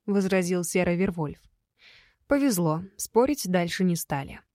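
A woman reading a first-person fantasy audiobook aloud, telling the story in an expressive way. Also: on the low side, measured pace, dry recording, studio quality. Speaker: audiobook narrator.

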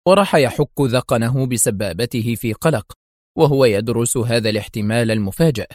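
Guy reading a spy thriller audiobook, even paced, dry close sound. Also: medium pitch, no echo. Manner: steady, measured reading. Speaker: narrator. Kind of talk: dramatic audiobook narration.

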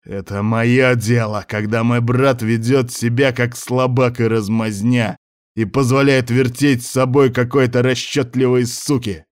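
A male reader voicing a drunk, furious young man who snarls and shouts crude insults. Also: mid-range voice, fairly even intonation, measured pace, lightly acted. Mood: raging.

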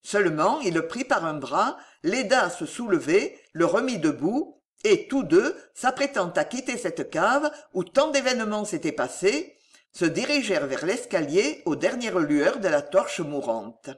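Expressive French novel reader. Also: mid-range voice, measured pace. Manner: expressive, dramatic storytelling. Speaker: audiobook reader. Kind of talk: scripted audiobook narration.

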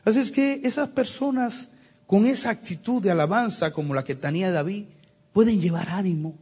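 Male preacher, high and husky, tells stories with a joke in them. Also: moderate pace. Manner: lively storytelling with acted quotes and humor. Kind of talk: sermon.

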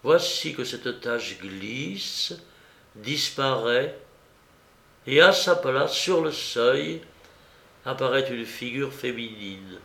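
A man reading a literary novella aloud in slow, measured, grave narration. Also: medium pitch, animated, vocal fry, fairly bright tone, echoey room. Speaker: audiobook reader.

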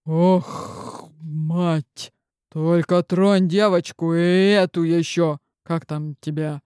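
Woman voicing a gruff fed-up guy, a bit lower, dry close sound. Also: steady tone, very slow, a little mellow, no room sound. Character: gruff grown man, blunt and exasperated.

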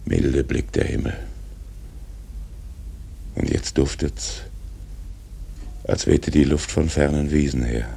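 An actor playing a brooding, tormented old sea captain in a literary radio drama, solemn and haunted, with a gravelly, husky voice. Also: male voice, very deep voice, steady tone, slow, pauses often, mellow, exaggerated voice. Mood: weary, musing.

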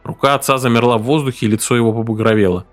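A man narrating a story in an animated, dramatic way. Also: mid-range voice, very fast, soft background music. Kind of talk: expressive story reading.

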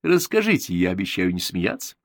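A man's voice: low voice, huge pitch swings, brisk, no room sound, studio quality, exaggerated voice. A man voicing a bossy, mocking young girl who wears glasses. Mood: teasing. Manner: mocking, sharp-tongued.

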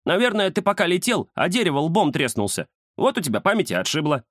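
A man voicing a chatty, boastful male house cat who talks fast and fussily in an audiobook. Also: on the high side, dry recording, studio quality, pitched above the performer's own voice. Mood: teasing. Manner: excitable, fussy, know-it-all. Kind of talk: audiobook character voice.

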